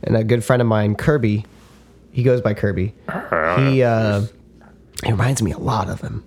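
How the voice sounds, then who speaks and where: A man's voice: on the low side, steady tone, moderate pace, a little mellow. A man co-hosting a casual podcast, pronouncing his words carefully, with a slight drawl on some words. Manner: careful, well-spoken pronunciation. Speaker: podcast co-host. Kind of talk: casual chat.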